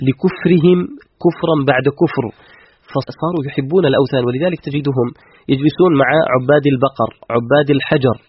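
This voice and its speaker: Man with a high husky voice, very fast, emphatic religious lecture, rhetorical questions, dry muffled audio. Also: dry recording. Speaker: guest scholar explaining Quran verses.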